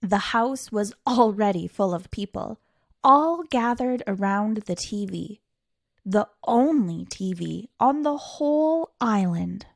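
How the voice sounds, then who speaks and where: Acting as a storytime reader, a woman reads a children's picture book aloud with theatrical flair, using dramatic pauses and stretching words for emphasis. Her mid-range voice is animated with some creak. The studio sound is clean, with no room sound.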